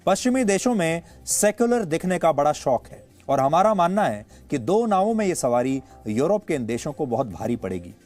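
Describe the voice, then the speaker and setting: With background music playing, a male news anchor with an Indian accent delivers opinionated commentary. His fairly high, darkish voice is very animated, and he speaks deliberately and emphatically, using rhetorical repetition.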